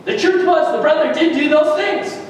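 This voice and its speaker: Man, high voice, preaching sermon, animated and emphatic, booming church hall, distant mic, low rumble behind. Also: normal speed. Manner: animated, rising to emphatic peaks, rhetorical questions. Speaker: pastor.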